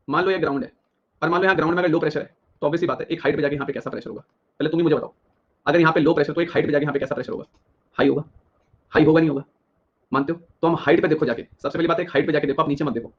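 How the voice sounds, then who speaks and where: In a muffled recording, a young man with a somewhat high, steady voice leads a live geography class for exam prep. He speaks straight to his students, drilling questions and rattling off each answer repeatedly.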